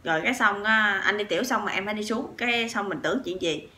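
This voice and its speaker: A woman from southern Vietnam with a Southern Vietnamese accent, telling a story to her viewers in a chatty, animated way full of fillers and asides. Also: mid-range voice, fast. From Sóc Trăng, southern Vietnam. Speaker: vlogger.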